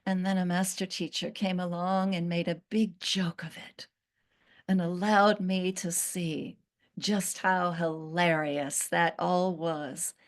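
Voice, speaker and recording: A woman channeling a once-cursed fig tree spirit, speaking in a slow, earnest storytelling manner with long pauses. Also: lowish voice, little pitch movement.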